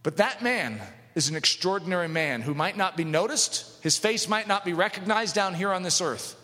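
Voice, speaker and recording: Male preacher, high and animated, sharp tone, big swings from shouting to hush, long hall echo. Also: normal speed. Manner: swings from loud, high exhortation to low, hushed drops; asks the listeners direct questions. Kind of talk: impassioned sermon.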